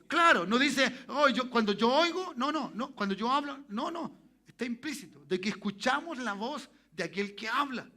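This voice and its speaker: A Chilean man preaching from a church pulpit, his voice pitched high and bright. He talks animatedly and keeps asking the congregation to say amen. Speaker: pastor. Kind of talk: sermon. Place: church sanctuary.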